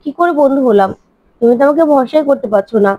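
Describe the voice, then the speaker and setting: Woman reading an adult man, high-pitched, defensive, reproachful, quick pleading questions, dry dull lo-fi sound. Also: expressive, no echo.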